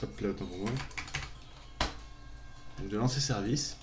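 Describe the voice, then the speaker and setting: Man calmly narrating a computer walkthrough. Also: lowish voice, unhurried, noisy background. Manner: relaxed step-by-step walkthrough, narrating each click. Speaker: tutorial maker. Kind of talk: screen-recorded software tutorial.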